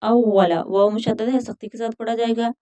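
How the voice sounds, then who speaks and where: A woman teaching Quran recitation rules, chanting verses slowly and then explaining each letter in plain talk. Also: a little high, steady tone, warm tone. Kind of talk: recitation and tajweed instruction.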